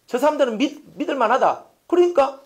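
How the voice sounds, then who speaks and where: A man preaches a sermon with a very animated, rising and falling melody. He presses his points with repeated rhetorical questions. His delivery lurches between forceful appeals and hushed, almost whispered lines. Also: extremely high pitch, fairly quick. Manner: emphatic preaching that swings between loud appeals and near-whispers; repetitive, rhetorical questions to the congregation. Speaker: pastor.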